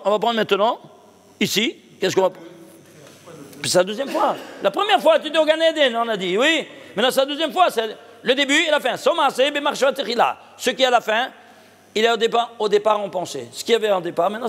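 A man's voice: high-pitched, a bit bright. A man, a rabbi teaching a Torah class, who poses questions and answers them himself and keeps checking that his listeners follow. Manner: checks understanding with the audience. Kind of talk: Torah lesson on numerology. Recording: long reverb of a hall.

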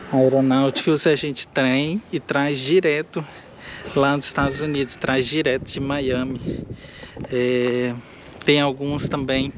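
A man from Minas Gerais, Brazil, an eye doctor and pilot, hosts his own walk-and-talk vlog inside an airfield hangar. He chats casually in a mid-range voice, rambling with frequent restarts and fillers, with background noise present.

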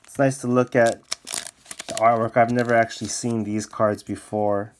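A man casually commenting as he opens card packs off camera, bursting into high excited exclamations. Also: normal speed. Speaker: card-opening YouTuber. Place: indoors at a desk, off camera.

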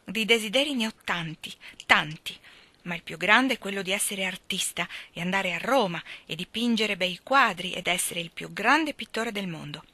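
A woman's voice: medium pitch, animated, normal speed, pushed and bright, dry recording. A woman reading aloud, voicing an ambitious young girl who speaks with enthusiasm. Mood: dreamy.

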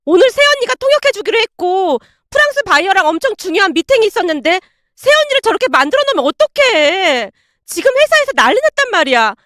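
A woman voicing a young woman who yells and wails at her mother. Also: very high-pitched, very animated, quick pace, no echo, studio quality, pitched above the performer's own voice, exaggerated voice. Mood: yelling. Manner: wailing, yelling. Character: young woman, furious sobbing daughter.

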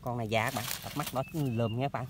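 Over a noisy background, a hunting vlogger speaks fast in a mid-range voice with fairly even intonation. He has a Mekong Delta Vietnamese accent and keeps up friendly, chatty talk with viewers while walking through countryside orchards and along canals.

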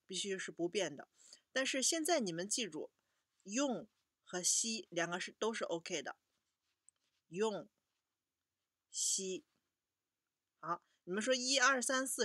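A woman teaching a children's language lesson, patiently repeating each word slowly for young learners. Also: medium pitch, fairly bright tone, no echo, studio quality.

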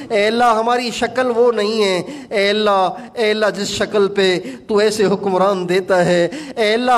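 High-pitched man pleading in prayer. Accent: Pakistani Urdu. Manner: pleading, repetitive invocations. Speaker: Islamic preacher. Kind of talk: tearful supplication at end of sermon.

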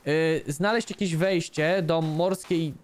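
A young man playing a co-op game with a friend, chatting and teasing in a joking, animated way. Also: on the high side, slow, a little hiss or hum. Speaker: gaming YouTuber. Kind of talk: casual co-op gameplay banter.

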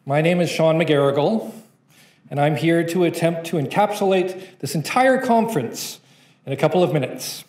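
Reading from notes at a conference, a young Canadian poet performs a spoken-word piece with a rhythmic, playful delivery. His voice is a little high and darkish, moving at a moderate pace. The conference room gives the sound a roomy quality.

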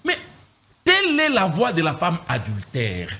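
Emphatic pastor. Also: male voice, fairly high pitch, wildly swooping pitch, measured pace, sharp tone. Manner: emphatic, repeats phrases, rhetorical questions. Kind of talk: animated Bible teaching in a televised discussion.

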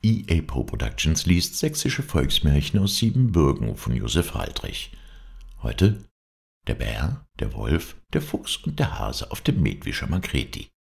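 A man's voice: very deep voice, a little slow, vocal fry. A man reading a folk tale aloud as a theatrical storyteller. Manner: lively, theatrical reading with voiced characters. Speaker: narrator reading folk tales. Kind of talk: storytelling narration.

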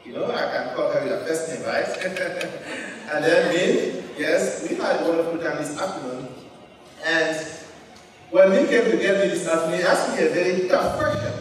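A man's voice: a little high, a little slow, long pauses, slight background noise. A middle-aged man from Cameroon giving a storytelling keynote speech to students on an auditorium stage, holding a handheld mic. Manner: storytelling, animated gestures. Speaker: keynote speaker. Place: large wood-panelled auditorium stage. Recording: echoey hall, picked up from far.

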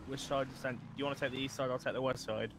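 A woman acting as a police officer in game role-play, giving quick, matter-of-fact radio reports. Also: a bass voice, steady tone. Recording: static-filled radio.

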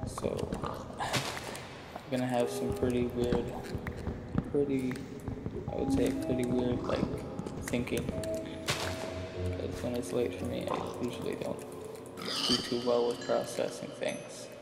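In a slow, monotone, mid-range voice with vocal fry, a young man rambles informally about a game for YouTube, pausing often and mocking himself. A retainer gives him a slight speech impediment. The recording is roomy and echoing, with music behind.

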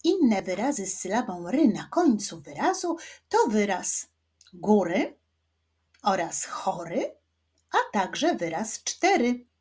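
Slow, lively-voiced Polish woman teacher. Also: medium pitch. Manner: slow, clearly syllabled teaching for children. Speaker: reading teacher. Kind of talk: children's reading lesson.

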